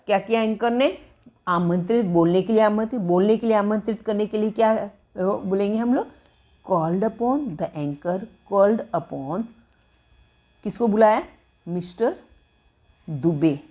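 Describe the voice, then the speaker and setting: A woman's voice: mid-range voice, warm tone. A woman teaching English phrasal verbs, repeating and dictating example sentences as she explains.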